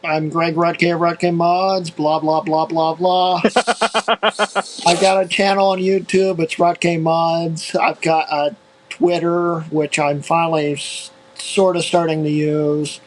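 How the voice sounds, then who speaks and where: A man's voice: fairly high pitch, little pitch movement, slow pace, a little hiss or hum, rough recording. A man co-hosting a casual podcast over a video call, offhand and a little self-deprecating. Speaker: podcast co-host. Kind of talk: casual chat.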